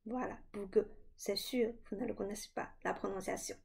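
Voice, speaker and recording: A woman teaching children a language lesson, slowly and clearly demonstrating sounds. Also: mid-range voice, fairly even intonation, a little mellow.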